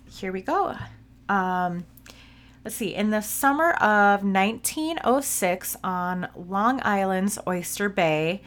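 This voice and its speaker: A woman's voice: mid-range voice, a bit bright. A woman hosting a podcast, telling true stories in a casual, informal way with some swearing. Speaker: podcast host.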